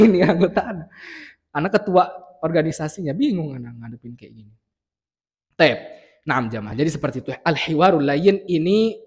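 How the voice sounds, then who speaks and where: A man delivers a conversational sermon in a mosque, his slightly raised voice carrying a husky, breathy edge. He drifts between plain talk and Arabic phrases and voices the people in his stories. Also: fairly high pitch. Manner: conversational, slips into Arabic phrases and acts out quoted lines. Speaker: ustadz giving a mosque study lecture. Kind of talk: casual Islamic lecture with storytelling.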